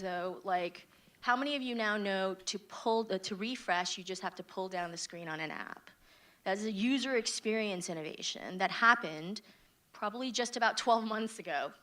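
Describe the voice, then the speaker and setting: A woman's voice: medium pitch, pushed and bright. A woman in her forties speaks on a business panel. She explains her ideas in an orderly, point-by-point way and draws in the audience with questions. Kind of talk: panel answer.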